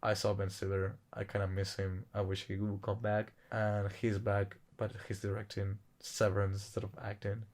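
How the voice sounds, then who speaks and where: Male podcast co-host, lower register, loose rambling delivery, casual swearing. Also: completely flat delivery, normal speed, few pauses, a little mellow. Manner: rambling, swears freely, laughs often. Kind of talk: casual chat.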